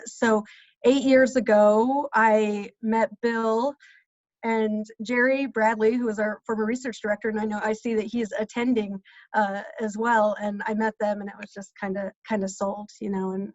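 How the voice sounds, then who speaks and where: A woman's voice: mid-range voice, dry recording. Earnest woman on a dull, dry call. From New Mexico. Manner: warm, earnest, with fillers like "you know". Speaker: policy advocate. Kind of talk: panel introduction on a video call. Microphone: video call. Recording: dull, lo-fi video call audio.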